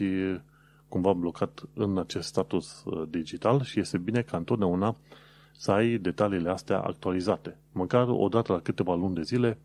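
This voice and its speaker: A man's voice: sits low, a little mellow, slight background noise. A man from Romania hosting his own podcast, explaining practical tips in a casual, conversational way with frequent hesitant fillers. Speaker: podcast host.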